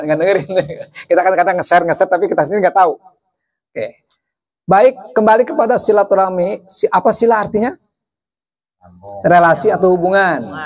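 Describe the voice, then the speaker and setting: A man's voice: fairly high pitch, darkish tone. A man giving a Sunday morning religious lecture, asking his audience questions and answering them himself, drawing out words to show how they are said. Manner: stretches words to show pronunciation. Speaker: preacher.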